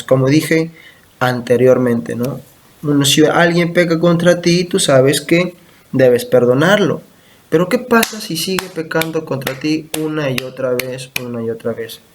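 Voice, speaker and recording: A man preaching a church sermon, reading scripture aloud and repeating verses with frequent check-in questions to his listeners. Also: a little high. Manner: teaching, repeats verses and asks "¿sí?".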